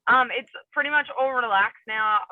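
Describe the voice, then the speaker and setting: A woman's voice: fairly high pitch, normal speed, no room sound. Young woman fighter from New Zealand, chatty and rambling, heard over a phone-thin video call. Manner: rambling, many fillers and restarts. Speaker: MMA fighter, guest. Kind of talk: casual interview chat. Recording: tinny phone-like remote call, dry.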